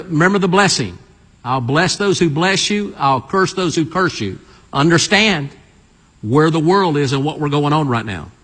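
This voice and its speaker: A pastor in his sixties preaches a sermon in a church sanctuary, his husky, bright voice pitched a little high for a man. He calls out for the congregation to respond, and his words ring through a long reverb.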